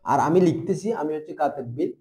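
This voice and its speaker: A young man with a Bangladeshi Bengali accent teaching a grammar lesson, asking questions and answering them himself, and repeating terms slowly. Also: a little high, animated, warm tone, roomy sound. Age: young adult. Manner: spells out letters and repeats terms.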